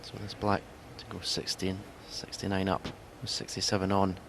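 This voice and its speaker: Male snooker co-commentator, low flat delivery, conversational analysis, noisy arena ambience. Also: normal speed. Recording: clear background noise, arena ambience.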